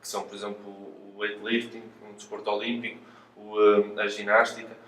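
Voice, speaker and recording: Brisk and forceful, this fairly low-pitched man's voice has a bright tone but little pitch movement. He has a European Portuguese accent and is being interviewed as a physiotherapist, explaining things while hesitating and repeating words. Faint noise, a distant mic, and a roomy echo mark the recording.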